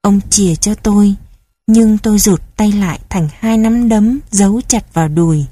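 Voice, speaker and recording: A woman reads her childhood memoir in a measured, reflective way. Her voice is mellow and slightly husky. The sound is close and dry, with no room echo. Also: medium pitch. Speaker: narrator. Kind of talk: reading a childhood memoir aloud.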